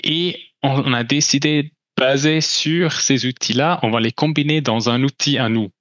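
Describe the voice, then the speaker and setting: Speaking at normal speed in a medium-pitched, slightly bright voice, a company presenter from Switzerland delivers a slide-based conference talk. German is his first language, and he is hesitant, restarting often and using lots of fillers. The recording has no echo, and its highs are cut off.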